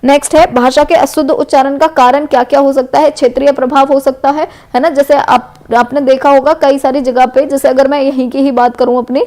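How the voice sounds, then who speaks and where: High-voiced woman teacher from Uttar Pradesh. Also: level tone, brisk, hardly any pauses, darkish tone. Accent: western Uttar Pradesh Hindi. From Uttar Pradesh, India. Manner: explanatory, repeats "है ना" and "correct है". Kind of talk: exam MCQ revision lesson.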